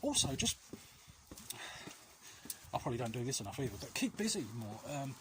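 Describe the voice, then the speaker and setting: With big pitch swings and a slightly bright, medium-pitched voice, a vlog host talks fairly quickly as he walks alleys outside. He offers viewers earnest reassurance in a casual, rambling way, often wandering off his point over clear ambient noise.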